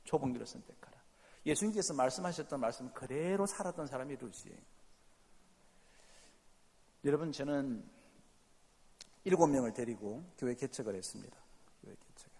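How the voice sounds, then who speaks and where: A middle-aged male pastor preaching a sermon, shifting between quiet asides and loud, emphatic declarations. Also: mid-range voice, expressive, moderate pace, vocal fry, pauses often. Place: church sanctuary. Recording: long church reverb.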